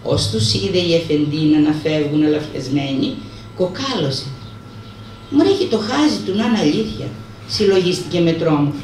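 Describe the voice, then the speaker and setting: A woman reading a novel aloud to a book club, expressive, slowing on tricky words. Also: lowish voice. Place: room at a hybrid reading-club meeting. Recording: roomy sound from far off with faint noise.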